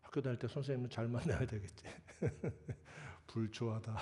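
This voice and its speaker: A man's voice: mid-range voice, measured pace, mellow. A middle-aged male pastor preaching a sermon in a conversational, scolding and joking way, acting out prayers. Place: church sanctuary.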